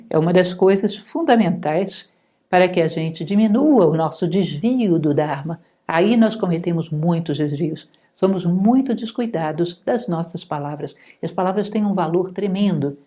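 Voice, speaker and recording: Middle-aged woman, Brazilian accent, lecturer; calm and measured, warm mellow voice. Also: lowish voice. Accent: Brazilian Portuguese. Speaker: lecturer on philosophy. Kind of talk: spoken lecture.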